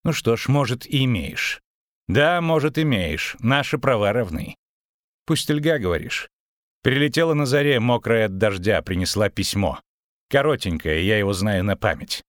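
A man reading an audiobook, voicing a proud, tormented male sorcerer who speaks bitterly and breaks into shouts. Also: fairly low pitch, lively intonation, normal speed, no room sound, clean studio sound, natural voice. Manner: bitter, agitated, rising to shouts.

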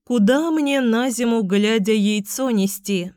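A woman's voice: a little high, measured pace, darkish tone, clear, resonant tone, no room sound, studio quality, lightly acted. A woman doing a fretful old mother goose. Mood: glum. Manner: fretful, plaintive.

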